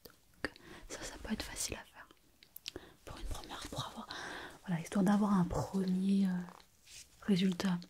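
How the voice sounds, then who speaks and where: A very soft whispered role-play by a woman of a calm, attentive surgeon. The voice is breathy and quiet, hushed as if at night. The delivery is gentle and musing, with slow, careful instructions. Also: medium pitch, natural voice. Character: calm, attentive surgeon examining a patient's face.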